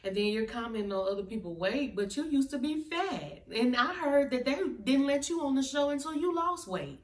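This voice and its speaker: A woman's voice: high voice, lively intonation, normal speed, recorded from a distance. A woman giving a sassy, blunt, emphatic casual review of a reality TV episode. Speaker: reality TV recapper. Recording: echoey room, off-mic.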